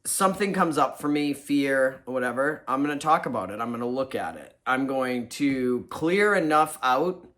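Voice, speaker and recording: A man's voice: mid-range voice, expressive, normal speed, few pauses, a bit bright. A man co-hosting a recovery talk show, speaking candidly and self-deprecatingly in a rambling, casual way. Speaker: podcast co-host. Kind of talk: casual reflective chat.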